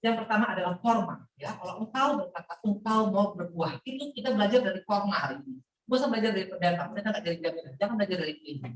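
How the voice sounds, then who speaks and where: A middle-aged woman preaching an animated, playful sermon to a women's Bible class, mixing in English words. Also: medium pitch, racing, few pauses. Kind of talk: lively sermon. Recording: echoey hall, voice from a distance.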